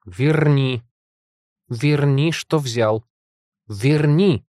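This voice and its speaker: A man voicing a young female heroine of an audiobook, a sharp-tongued guardian giving insistent orders. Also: mid-range voice, a little fast, dry recording, clean studio sound, natural voice. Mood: demanding. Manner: raised, insistent, commanding.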